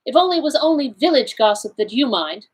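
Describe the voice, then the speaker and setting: A cool, defiant young wife from a classic storybook, read by a woman. Each line is clipped and icy, pitched a little above a usual woman's voice. The tone is husky and breathy. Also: big pitch swings, fairly quick, exaggerated voice, rough recording.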